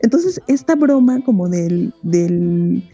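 A woman's voice: lowish voice, slow, highs cut off, faint music behind. A Mexican woman, a guest on a podcast, chatting casually about children's books and animatedly retelling their stories. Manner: animated storytelling, acting out book characters. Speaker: guest expert on children's reading. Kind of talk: casual interview chat.

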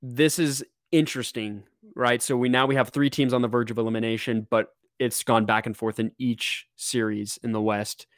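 A man hosting a casual sports podcast, talking excitedly and joking as he breaks down the games. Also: medium pitch, dry recording, clean studio sound. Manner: excitable, quick to joke. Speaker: podcast host.

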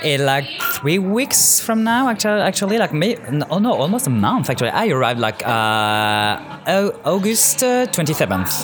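A man's voice: fairly high pitch, very animated, moderate pace, hardly any pauses, fairly bright tone. French-accented man, music behind. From France. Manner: hesitant, many restarts and fillers. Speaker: guest, student. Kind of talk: casual interview answers. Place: outdoors in a city neighborhood. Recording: music playing clearly behind. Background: clear music.

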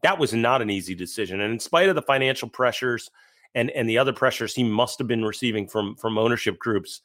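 A man in his thirties with a medium-pitched, fairly bright voice talks a little quickly as a sports podcast co-host. He chats casually, often stammering and restarting, throws in the occasional joke, and reads an ad himself.

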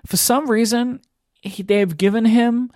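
A man's voice: extremely high pitch, steady tone, measured pace, darkish tone, dry recording, studio quality. A man co-hosting a podcast in casual chat, rambling and amused, with lots of fillers. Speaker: podcast co-host.

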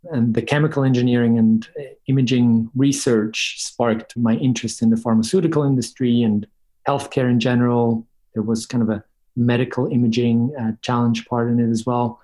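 With a warm, steady tone at a moderate pace, this medium-pitched man from Switzerland answers interview questions on a podcast. He co-founded a company and explains things methodically yet conversationally.

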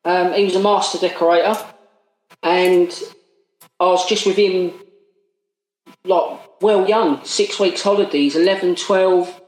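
In an echoey, roomy recording, a late-thirties Essex man with a matching accent talks casually on a podcast as a guest in a matey, working-class style. His voice is high-pitched and steady, unhurried, with long pauses.

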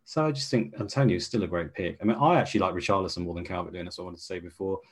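Guy talking football fast n low, keeps going on and on. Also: breathy edge. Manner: quick, opinionated, talks in long runs. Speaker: podcast co-host. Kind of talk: casual football chat.

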